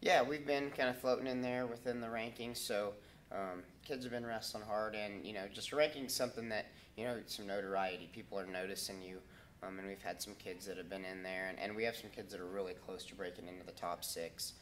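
A man in his thirties, a head wrestling coach, answering interview questions in a halting way with many ums and restarts, standing in a school wrestling room. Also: on the low side, steady tone, a little hiss or hum.

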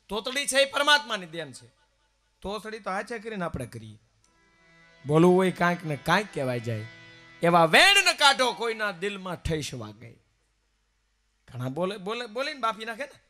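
A man's voice: high-pitched, pushed and bright. A man, a folk singer telling comic stories and a little moral advice on a live village temple stage, acting out the quoted voices. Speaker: folk singer telling jokes between songs.

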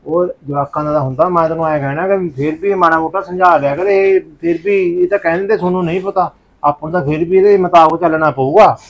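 A middle-aged man acts in a village family drama as the stern father of a college girl, lecturing and complaining to his wife. His voice is a little high and fairly even in intonation, and he talks fast; the recording is slightly dull and lo-fi.

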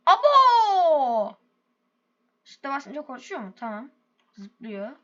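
A woman hosting a gaming video, commenting on her play with loud, excitable exclamations and rough slang. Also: fairly high pitch, dull audio.

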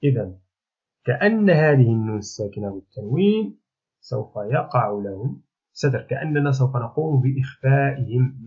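A man teaching a recorded remote lesson, explaining patiently step by step with frequent pauses. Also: mid-range voice, slightly rough. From Morocco. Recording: tinny phone-like audio.

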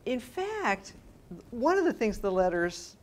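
A middle-aged woman with a slightly high, somewhat mellow voice speaks slowly with big pitch swings. In a bright, mid-sized library meeting room with an audience, she answers questions after a scholarly talk, informal and hesitant, often correcting herself as she thinks aloud.

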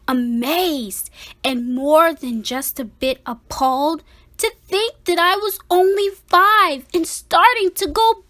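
A woman reads a picture book aloud, playing an anxious, dramatic five-year-old boy in a high-pitched, exaggerated voice. Her delivery is emphatic and theatrical, full of worry and appalled alarm.

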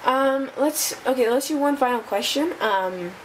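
A woman presenting a casual tech demo off the cuff, halting and thinking aloud as she goes. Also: high voice, expressive, low-quality recording. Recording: noticeable background noise.

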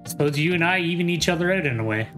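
A man's voice: on the high side, expressive, fast, fairly bright tone. Man reading as easygoing young warrior woman. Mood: relaxed. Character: calm, teasing young woman warrior in fantasy game. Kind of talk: reading video game dialogue aloud. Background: game music.

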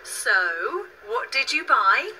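Kindly mother, educational cartoon, animated, very bright. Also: on the high side, extremely slow, a little hiss or hum, full character voice, low-quality recording. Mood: delighted. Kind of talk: scripted children's language-course dialogue.

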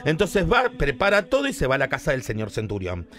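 A man's voice: mid-range voice, wildly swooping pitch, quick pace, fairly bright tone. A man with a Rioplatense accent telling a Bible story as radio comedy, flamboyant and theatrical, breaking into shrieking character voices. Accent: Rioplatense Spanish. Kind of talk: comic retelling of a Bible story.

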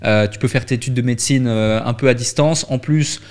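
With a brisk, slightly mellow mid-range voice, a young man from Switzerland tells his story casually on a podcast, full of fillers and restarts. He sits at a studio mic on a boom arm, wearing headphones, in a dark studio with red light, for a candid storytelling interview.

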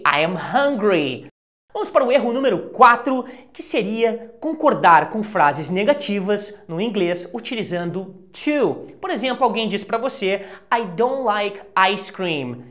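A woman from Brazil with a Brazilian Portuguese accent, an English teacher giving a casual lesson to camera and slowing down to spell out English example phrases. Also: mid-range voice.

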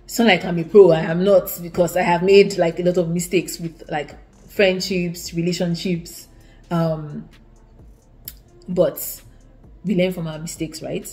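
Speaking a little slowly with fairly even intonation, this young woman has a fairly low, darkish voice, and faint music plays behind her. She's a Nigerian student vlogger with an Igbo accent, earnestly offering casual advice to camera in a living room, repeating herself and restarting often.

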